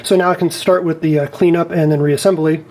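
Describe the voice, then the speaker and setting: Speaking fairly quickly in a slightly high, darkish voice with fairly even intonation, a man walks through a hands-on repair like a technician in a tutorial. His explanation is casual and unscripted, yet he covers each step methodically and carefully.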